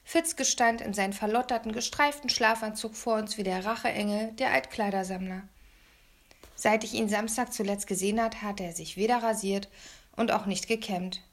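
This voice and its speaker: A woman narrating a children's story in an expressive, animated way. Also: mid-range voice, normal speed. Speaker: audiobook reader.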